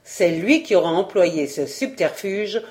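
A woman reading a novel aloud, voicing a weary, detached male journalist in a low, slow, flat voice. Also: natural voice. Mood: reasoning.

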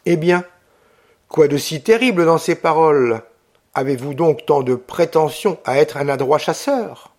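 A man's voice: on the high side, animated, a little slow, a little mellow. A man reading an audiobook, voicing a witty, teasing young English lady with a playful, lightly mocking manner.

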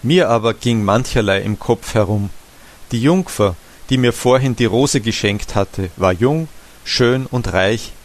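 A man narrating a classic novella as a steady audiobook reader. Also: fairly low pitch, unhurried. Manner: steady storytelling reading. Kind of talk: scripted narration.

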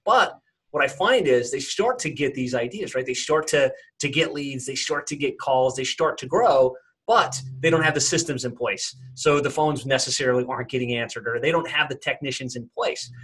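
A man's voice: mid-range voice, moderate pace, fairly bright tone, slightly rough, rough recording. A man hosting a podcast interview, introducing his guest with plenty of fillers and repeated words. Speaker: podcast host.

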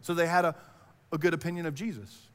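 Casual preacher with a slightly high voice. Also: male voice, fairly even intonation, quick pace. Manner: casual, conversational preaching with lots of fillers. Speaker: pastor. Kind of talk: sermon. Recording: hall reverb.

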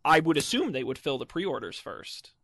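A man's voice: a little high, sing-song, moderate pace, pushed and bright. A man hosting a casual tech podcast, chatty and wry, with lots of fillers. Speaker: podcast host.

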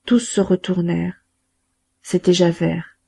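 Woman reading an audiobook, mellow warm voice, steady measured pace. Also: lowish voice, gravelly, husky. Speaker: audiobook narrator. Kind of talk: scripted narration of a classic novel.

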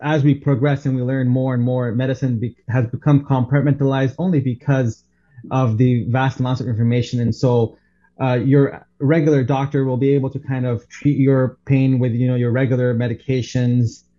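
A man who grew up in Saudi Arabia, a doctor and guest on a radio show, explaining things in a measured way with many fillers. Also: medium pitch, flat delivery, warm tone, lo-fi sound. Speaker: pain management doctor, guest. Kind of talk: radio interview answers.

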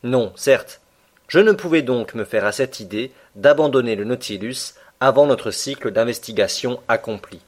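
Guy reading an old adventure novel, steady first person, normal pitch voice. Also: moderate pace. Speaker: audiobook narrator. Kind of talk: scripted narration.

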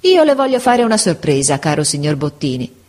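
A woman's voice: fairly low pitch, normal speed, a little mellow, close to an everyday voice. A woman voicing a frail old schoolteacher. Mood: cheerful. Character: frail old male schoolteacher, gentle, wistful. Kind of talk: audiobook character voice.

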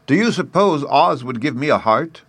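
A man voicing a polite, grateful man made of tin, rusted stiff, in an earnest storybook character voice with drawn-out words. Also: medium pitch, expressive, fairly bright tone, slightly rough, no room sound, pitched above the performer's own voice. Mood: earnest, hopeful.

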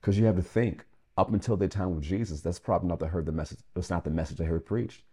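A pastor giving a devotional sermon, speaking with emphasis, slowing down and dropping to a hush on key phrases, and urging listeners to repeat after him. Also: male voice, low voice, breathy edge.

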